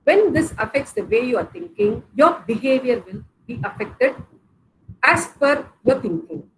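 A woman's voice: on the high side, lively intonation, unhurried. A woman with a South Indian accent giving an online mental health lesson to teenagers, explaining with examples and often repeating words as she goes. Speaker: mental health session presenter. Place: indoors in a room at home or office, on video call. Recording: noisy video-call audio.

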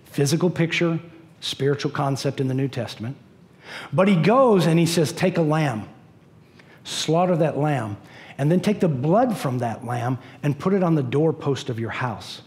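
A middle-aged man preaching a sermon as pastor, animated, pacing a church stage. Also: on the high side, normal speed. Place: church stage in a large dim hall.

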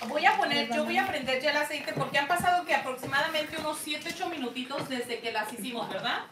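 A woman's voice: high-pitched, fast. A woman hosting a live baking stream, upbeat and chatty as she explains each step. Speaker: baking show host. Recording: echoey kitchen, distant and noisy.

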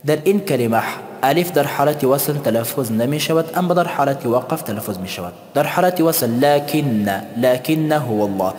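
A man teaching a tajweed lesson. He explains slowly and chants the example words. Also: medium pitch, expressive, darkish tone. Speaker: Quran recitation teacher. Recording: long hall reverb.

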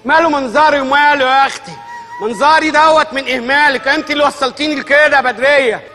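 A man's voice: extremely high pitch, fairly even intonation, quick pace, pushed and bright, faint music behind. An actor playing a frantic, lovesick Egyptian man with a drug habit in broad TV sketch comedy. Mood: pleading. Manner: frantic and overexcited.

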